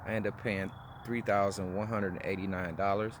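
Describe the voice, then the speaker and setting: A man's voice: on the low side, flat delivery, normal speed, slight background noise. A man in his forties casually reviewing his own experience in a vlog, rambling with frequent restarts and fillers. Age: 40s. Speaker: vlogger.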